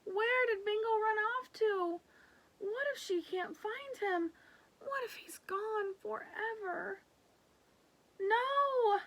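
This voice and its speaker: A woman voicing an excitable, dramatic little girl adventurer from a storybook, earnest and exclamatory. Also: very high-pitched, slow pace, pitched above the performer's own voice, full character voice. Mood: alarmed, distressed.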